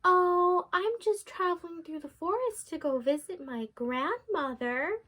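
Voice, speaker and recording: A woman's voice: extremely high pitch, measured pace, pushed and bright, voice pushed up, heavily acted. A woman voicing a polite, cautious little girl in a children's story. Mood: innocent.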